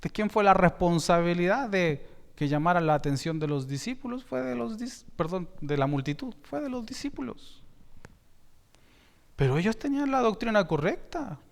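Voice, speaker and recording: A man preaching a sermon as a pastor, slow and emphatic, with sudden rises in volume and frequent self-corrections. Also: high voice, animated, creaky. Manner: repeats and corrects himself mid-sentence. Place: church sanctuary. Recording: long reverb in a church hall.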